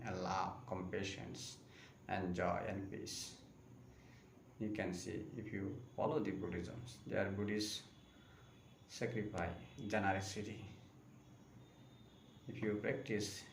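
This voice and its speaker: Deep, gravelly Buddhist monk speaking slowly. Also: male voice. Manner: slow, repetitive phrasing in non-native English. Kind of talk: live-streamed Dharma talk. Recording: echoey room with faint ambient noise.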